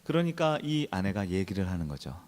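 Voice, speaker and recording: A male pastor giving a sermon in church, telling a story with acted-out quotes and swinging between soft and loud. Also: sits low, sing-song, brisk.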